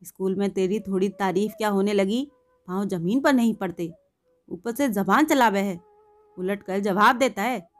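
A woman voicing a short-tempered male village schoolmaster who scolds and shouts abuse at a pupil. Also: medium pitch, normal speed, natural voice. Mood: angry scolding.

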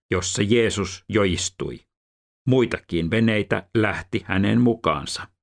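A man reading scripture aloud in a measured, even scripted delivery. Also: sits low, creaky. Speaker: scripture reader.

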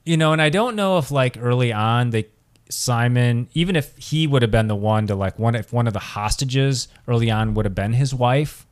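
A man's voice: mid-range voice, normal speed. A man co-hosting a podcast in casual chat, rambling with many restarts. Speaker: podcast co-host.

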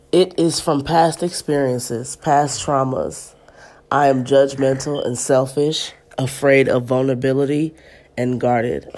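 Speaking from home in her apartment, this thirtysomething podcast host has a rumbling low, darkish voice that comes across congested and stuffy. She alternates between loose chat with her listeners and reading aloud.

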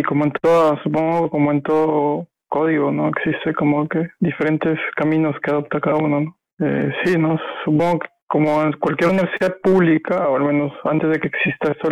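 A man's voice: a little high, little pitch movement, moderate pace, creaky, no echo, lo-fi sound. A man, a podcast guest who talks hesitantly, with many fillers and restarts. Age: 30s. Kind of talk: casual podcast chat.

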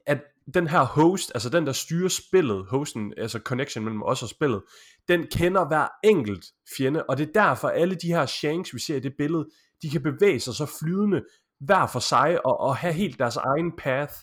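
A man in a casual gaming chat, patiently explaining and slowing down on key words. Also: a little high, lively intonation, fairly bright tone.

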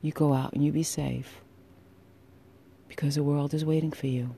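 A woman hosting a solo podcast with a sultry, husky voice, speaking intimately and deliberately with emphatic pauses, affectionate and encouraging toward listeners. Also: sits low, fairly even intonation, dark tone, slight background noise. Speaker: podcast host.

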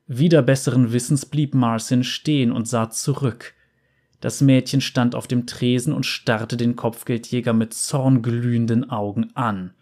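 With careful, even delivery in the style of a read-aloud book, a man tells a fantasy story. His middle-range voice stays calm and steady at a measured pace.

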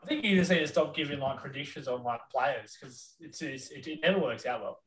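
Fast-talking Australian man hosting, roomy and distant. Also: medium pitch. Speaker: podcast host. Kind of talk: casual sports chat. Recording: roomy echo, distant microphone.

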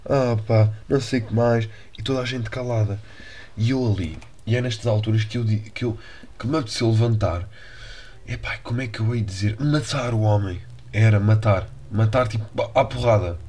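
A young man with a European Portuguese accent and a somewhat low voice tells a story in a casual, animated way. He swears freely and often breaks off to restart his sentences, like a podcast host chatting loosely. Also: a little fast, slight background noise.

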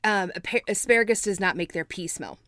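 A woman's voice: medium pitch, expressive, brisk, a bit bright, no echo, clean studio sound. Chatty, rambling woman in her forties. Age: 40s. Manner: chatty, rambling, self-deprecating with frequent side notes. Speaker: podcast guest. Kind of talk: casual chat.

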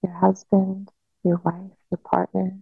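Slow hypnotist woman, creaky voice, phone-like sound. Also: medium pitch, completely flat delivery, no room sound, faint music behind. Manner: slow, soothing hypnotist delivery with long pauses. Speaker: hypnotherapist guiding a visualization. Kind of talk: guided hypnosis relaxation.

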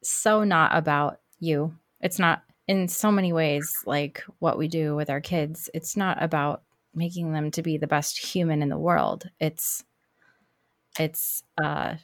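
A woman's voice: deep voice, steady tone, unhurried, no echo, studio quality. A woman hosting a podcast, chatting casually with a guest in a gushing manner. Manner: warm, gushing, with restarts. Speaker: podcast host. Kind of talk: casual interview chat.

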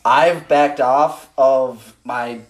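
A man's voice: medium pitch, fairly even intonation, very slow. A man co-hosting a casual fantasy football podcast, talking in long, loose runs full of "like". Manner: rambling, full of "like" fillers. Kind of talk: casual chat.

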